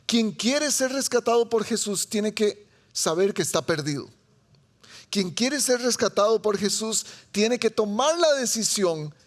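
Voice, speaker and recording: A man with a Costa Rican accent preaching a sermon to a seated congregation, chatty and joking with them. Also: high-pitched. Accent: Costa Rican Spanish. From Costa Rica. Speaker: pastor. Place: church sanctuary before a seated congregation.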